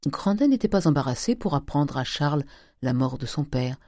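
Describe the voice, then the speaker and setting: Mellow-voiced man reading a classic novel. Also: fairly high pitch, very animated, normal speed, no room sound, studio quality. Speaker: audiobook reader. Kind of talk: literary narration.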